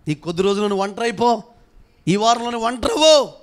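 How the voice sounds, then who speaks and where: High-voiced impassioned male preacher. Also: expressive, normal speed. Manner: impassioned preaching, building to loud repeated cries then dropping low. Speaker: pastor. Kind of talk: sermon.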